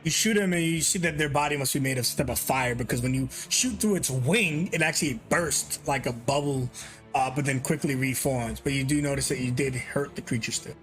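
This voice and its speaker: A man narrating as game master of a tabletop game, lively and quick with asides. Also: mid-range voice, soft background music.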